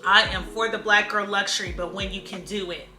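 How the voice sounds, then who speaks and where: In a home room with an echo and faint music playing, a woman in her 30s vlogs to camera, speaking candidly and chattily for a casual motivational video. Her medium-pitched voice is bright and forceful, with fairly even intonation and drawn-out emphatic phrases.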